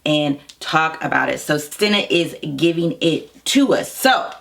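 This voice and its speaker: A woman with a hoarse, froggy voice, getting over being sick, chatting informally to viewers in a casual product review. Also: low-pitched, animated, a little slow, a bit bright. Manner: chatty, informal, direct address. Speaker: wig reviewer, hair care company founder.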